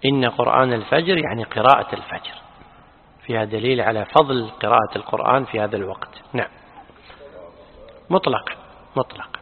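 Brief: male religious teacher, husky gravelly voice, measured corrections, thin phone-like sound in a big echoey space. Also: medium pitch. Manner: corrects and explains the reading, measured. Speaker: sheikh teaching Quran commentary. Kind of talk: scholarly commentary in a lesson. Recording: phone-like with long reverb.

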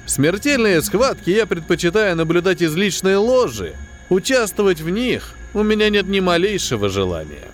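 A man reading an audiobook, voicing a plump, smug male space-station quartermaster who talks in a condescending, falsely sympathetic, drawn-out way. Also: high-pitched, very animated, faint music behind, pitched above the performer's own voice. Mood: condescending, lecturing. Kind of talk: audiobook character voice.

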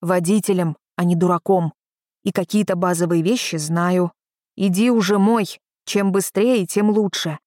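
A woman reading the lines of a gruff, wry old man in an audiobook, slow and drawling. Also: on the low side, fairly even intonation, mellow, dry recording, clean studio sound, lightly acted. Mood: lecturing.

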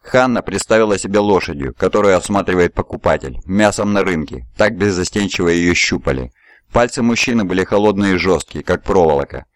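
A man narrating an audiobook in an even, measured reading voice. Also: low-pitched, dry recording. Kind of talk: scripted narration.

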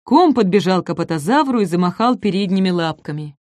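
A woman's voice: lowish voice, lively intonation, brisk, a little mellow, no room sound, clean studio sound. Woman reading a children's story.

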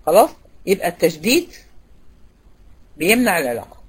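A woman's voice: on the low side, big pitch swings, fairly quick, husky. A woman with an Egyptian Arabic accent teaching a recitation class, quizzing students by name and repeating key points. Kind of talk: online class lecture.

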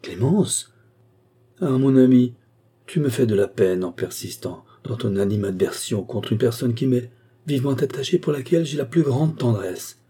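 Voicing a frail, stubborn and emotional old marquis in an audiobook, a man speaks in a raised, insistent, emotional way. His voice is mid-range, mellow and slightly rough, delivered at a moderate pace.

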